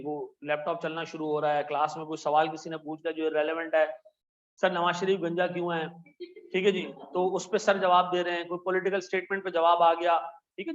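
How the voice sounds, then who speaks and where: A middle-aged man from Pakistan with a Pakistani Urdu accent, lecturing a class in a chatty, animated way with frequent "theek hai ji" asides. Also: fairly high pitch, dull audio. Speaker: accountancy teacher. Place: classroom with air conditioners and lights.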